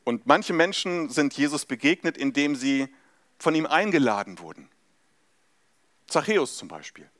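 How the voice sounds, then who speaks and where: A man's voice: on the high side, sing-song, normal speed, fairly bright tone, dry recording. A man preaching a sermon in a conversational way, reading a Bible passage and speaking directly to the congregation. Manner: conversational, addresses congregation directly, some fillers.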